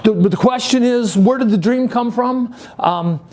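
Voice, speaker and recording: A man in his sixties giving a casual, upbeat youth-pastor style talk, conversational and halting, repeating phrases for emphasis. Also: very high voice, a little mellow. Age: 60s. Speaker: youth group leader.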